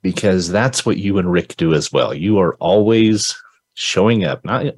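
Low-voiced, effusive male podcast host. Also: a little slow, a little mellow, breathy edge, no echo. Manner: effusive, rambling, lots of restarts. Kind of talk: casual interview.

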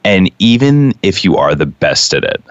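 A man speaking as a guest on a radio show, earnest and heartfelt, with halting restarts. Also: sits low, big pitch swings, dry recording. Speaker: radio show guest, real estate agent. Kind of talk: casual talk radio interview. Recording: dry muffled radio audio.

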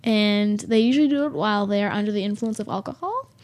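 A woman's voice: mid-range voice, fast, a little mellow. A teenage girl co-hosting a student radio show in casual chat, giggly and full of fillers like "like" and "um". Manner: chatty, giggly, filler-heavy with lots of likes and ums.

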